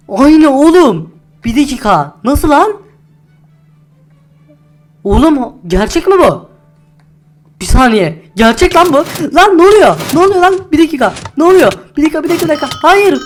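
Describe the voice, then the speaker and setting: A woman's voice: on the low side, brisk, faint music behind, close to an everyday voice. A woman voicing a greedy, hot-tempered male diamond miner in a game role-play, who curses and grumbles and repeats himself over and over. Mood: panicked. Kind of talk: Minecraft role-play acting.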